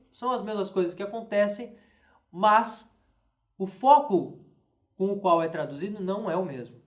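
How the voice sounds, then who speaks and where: Speaking with a Brazilian Portuguese accent, a high-pitched male classics teacher leads an online lesson. He explains things patiently, sprinkling in "né?" and "tá?", and chants verses aloud in a rhythmic way.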